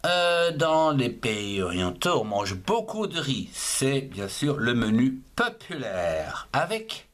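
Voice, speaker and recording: A man's voice: mid-range voice, very animated, slow, few pauses, fairly bright tone. A man teaching children to write words in cursive, patiently spelling each syllable letter by letter. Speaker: handwriting teacher. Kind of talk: slow spelled-out writing lesson.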